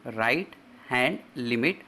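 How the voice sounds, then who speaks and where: A man's voice: medium pitch, expressive, slow, bright, forceful tone. A man teaching exam-prep math, working through each step and asking his students rhetorical questions. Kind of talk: exam-prep math lecture in Hindi with English terms.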